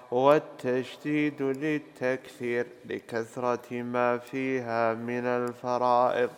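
A man formally reading a classical commentary aloud in a slow, careful recitation for his teacher. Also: medium pitch, clean tone, long reverb tail.

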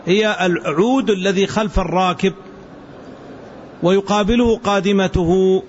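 A man teaching a hadith lesson to students, explaining word forms slowly and repeating them so the class can follow. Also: high-pitched, steady tone. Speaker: religious teacher. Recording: dull lo-fi with faint hiss.

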